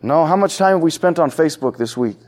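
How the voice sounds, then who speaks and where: In a church sanctuary, a pastor with a fairly high, slightly mellow voice and lively intonation preaches at a quick pace. He keeps it conversational, questioning the congregation and acting out the quoted voices.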